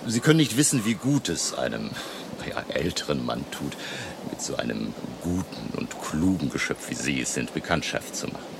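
An actor playing an elderly, eccentric professor in a German radio drama, emotional and courteous, theatrical and ruminative with rhetorical questions. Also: male voice, rumbling low, big pitch swings, normal speed, gravelly, noisy background, exaggerated voice. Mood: gentle, reflective. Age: older.

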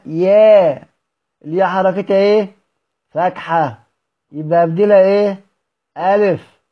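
A high-pitched Egyptian man teaching a recitation lesson. He poses questions and answers them himself, stretching out example words slowly. The recording sounds dull and lo-fi. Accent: Egyptian Arabic.

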